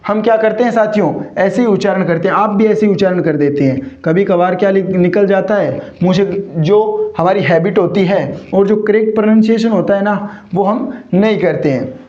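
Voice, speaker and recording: High-voiced male teacher, echoey room. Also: darkish tone. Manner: asks the class rhetorical questions constantly, addressing them as companions; stretches out spelled words and examples slowly. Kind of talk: classroom vocabulary lesson. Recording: roomy, slightly dull sound.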